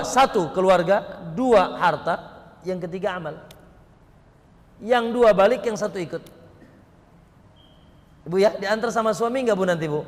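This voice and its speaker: A man preaching a sermon to an audience, lively and teasing, asking them questions. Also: high-pitched, in a large hall.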